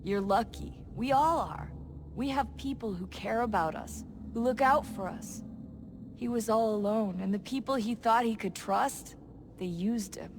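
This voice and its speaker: A woman with a somewhat high voice speaks at a measured pace over background noise. She's an actress voicing an earnest, troubled young woman on a modern covert team in a video game, delivering her lines hesitantly and sincerely in a naturalistic style. The mood is sad and bitter.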